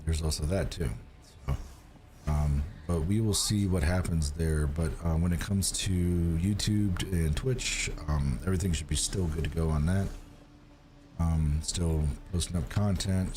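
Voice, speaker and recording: Very deep and mellow, this man's voice moves a little slowly as he chats with viewers during a casual gaming livestream. Still getting over a cold, he rambles along with plenty of fillers and restarts.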